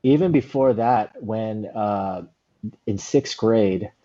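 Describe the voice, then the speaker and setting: A man in his forties, a stand-up comedian, telling stories in a relaxed, rambling way with lots of "you know" and "like". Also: fairly low pitch, slow, muffled recording. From Southern California, USA. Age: 40s. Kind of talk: casual interview storytelling.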